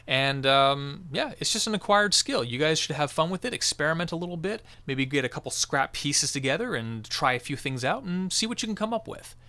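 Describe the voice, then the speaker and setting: Lively man narrating a crafting tutorial. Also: a little high, fairly quick, few pauses. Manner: lively, jokey, encouraging.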